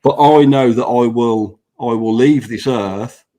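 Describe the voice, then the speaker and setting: A man's voice: medium pitch, measured pace, warm tone. A man with dental braces slightly affecting his speech, chatting earnestly and swearing freely as he repeats points for emphasis. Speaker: business owner, podcast guest. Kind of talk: casual panel chat.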